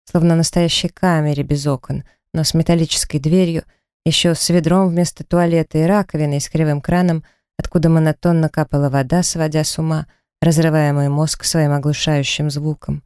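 A woman narrating a first-person audiobook novel with dramatic, emotional reading. Her voice is mellow and smooth, recorded close and dry. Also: sits low, little pitch movement, fairly quick, no echo.

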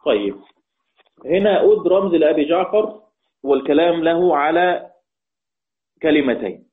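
A man's voice: a little high, expressive. Egyptian man teaching Quran readings, tinny sound. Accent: Egyptian Arabic. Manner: repeats points slowly for note-taking, chants verses drawn out. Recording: tinny phone-like audio.

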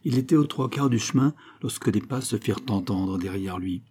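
A man reading a novel aloud as narrator at a steady, measured pace. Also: lowish voice, slightly rough. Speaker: audiobook narrator. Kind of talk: scripted narration.

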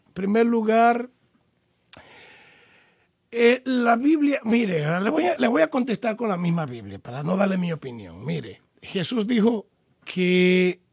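A male pastor on a call-in show explains scripture patiently through homely examples. His fairly high voice has a gravelly, husky edge, recorded close and dry. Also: a little mellow, no room sound. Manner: addresses the caller formally as brother. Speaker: pastor hosting a call-in program. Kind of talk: radio call-in Bible questions and answers.

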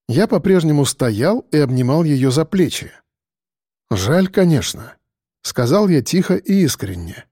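A man narrates a first-person story with a lively, expressive melody and a wry edge. His voice is mellow and a bit high for a man. It is recorded dry and close. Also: no room sound. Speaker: audiobook narrator.

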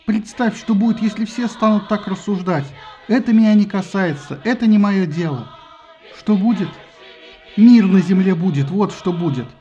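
A man voicing a hotheaded young Greek hero who shouts indignantly, in a satirical audiobook. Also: sits high, normal speed, dull audio, soft background music, natural voice.

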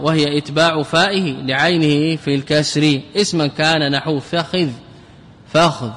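Man, grammar teacher, fairly high voice, repeats words, quizzes the class, long hall reverb. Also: a bit bright. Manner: repeats words to drill them, asks students questions. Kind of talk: classroom lecture.

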